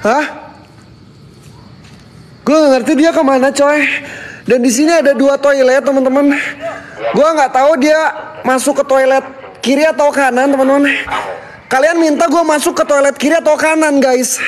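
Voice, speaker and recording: High-pitched guy doing a ghost-hunt vlog, jumpy, keeps muttering prayers, light hiss behind. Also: fairly even intonation, moderate pace, pauses often. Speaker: horror vlog host. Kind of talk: ghost-hunting vlog, talking to viewers. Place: inside an old bathroom.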